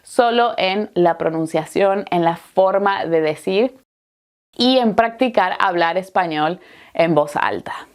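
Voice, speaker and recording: A woman from Argentina with an Argentine accent, giving a friendly, encouraging Spanish lesson with a chatty manner and frequent fillers. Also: mid-range voice. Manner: chatty, encouraging, laughs easily, many "eh" fillers. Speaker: Spanish teacher.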